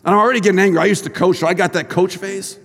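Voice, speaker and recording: A man's voice: sits high, steady tone, very fast, a bit bright. A middle-aged man, head of a school, giving an earnest chapel sermon with stories and a closing prayer. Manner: earnest storytelling, acts out quoted voices. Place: large hall at a college chapel. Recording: long hall reverb.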